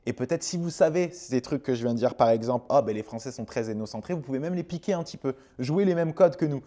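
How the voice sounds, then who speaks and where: A man's voice: on the high side, fast, dark tone. A man from France in his thirties with a French accent, talking frankly in a casual explanatory monologue, with frequent fillers and repeated words. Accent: French, slightly Québécois-tinged. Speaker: host.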